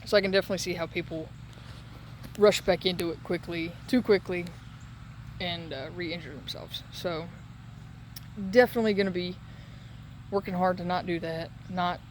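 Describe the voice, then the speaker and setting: A man talking casually and haltingly in a solo update while recovering from surgery with a sore throat. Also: sits high, steady tone, a little hiss or hum. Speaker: patient giving a recovery update.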